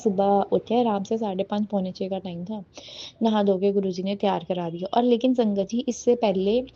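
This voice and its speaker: A young woman tells her devotional story in a casual, heartfelt way. Her voice is very mellow and dark, at a middle pitch. The recording is dull and lo-fi. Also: fairly even intonation, normal speed. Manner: rambling and heartfelt, many fillers, mixes in English words. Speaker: devotee sharing a testimony. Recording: dull lo-fi audio.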